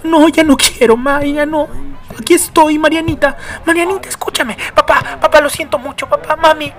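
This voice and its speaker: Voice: medium pitch, lively intonation, moderate pace, a little mellow, natural voice. An actor doing a bitter, hurting young boy. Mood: desperate. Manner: resentful, then pleading and desperate. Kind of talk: radio drama.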